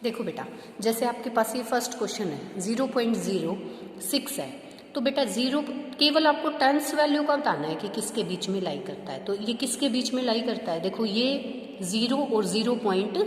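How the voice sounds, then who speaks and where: A woman's voice: a little high, reverberant, big-room sound. A woman maths teacher explaining step by step to young students, patient and asking them questions as she goes. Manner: checks understanding with rhetorical questions. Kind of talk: classroom lesson explaining to students.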